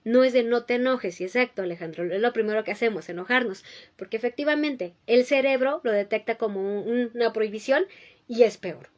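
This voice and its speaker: A woman's voice: a little high, fairly quick. A woman hosting a talk on emotional health, explaining step by step in a teacherly way, checking in with listeners and repeating key points for emphasis. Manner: teacherly, checks in with a frequent rhetorical "¿sí?". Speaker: host giving emotional-health advice. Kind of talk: explanatory talk answering viewers.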